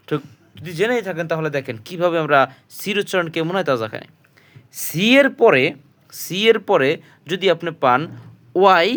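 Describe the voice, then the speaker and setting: Bangla english tutor guy, slightly high voice, asks then answers himself over and over. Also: a bit bright. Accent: Bangladeshi Bengali. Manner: patient, repetitive, poses questions then answers them. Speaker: English teacher. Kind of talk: spoken English pronunciation lesson.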